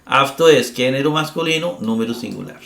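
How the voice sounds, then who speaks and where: A middle-aged man with a mid-range, expressive, creaky, and slightly bright voice teaches Greek grammar in a recorded lesson. Patient and methodical, he frequently checks with "¿verdad?" and stalls on "eh," and the sound is roomy.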